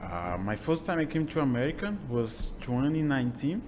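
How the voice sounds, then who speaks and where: A man in his twenties from Brazil with a Brazilian Portuguese accent, whose first language is Portuguese, speaking halting English with many "you know" fillers as an interview guest in a small home gym. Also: mid-range voice, big pitch swings, a little mellow, slight background noise. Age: 20s. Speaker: guest, jiu-jitsu instructor. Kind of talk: casual interview.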